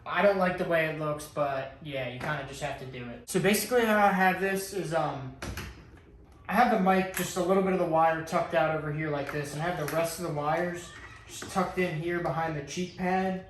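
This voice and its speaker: A man's voice: a little high, normal speed, echoey room, a little hiss or hum, low-quality recording. A man giving a casual hands-on tutorial in a laid-back, informal way. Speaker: vlogger giving a how-to.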